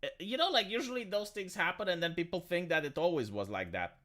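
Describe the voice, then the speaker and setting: Tinny, animated man. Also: high-pitched, fast talker. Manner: argumentative, blunt, swearing. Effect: tinny, metallic sound. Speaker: live streamer. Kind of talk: casual opinionated chat, answering comments.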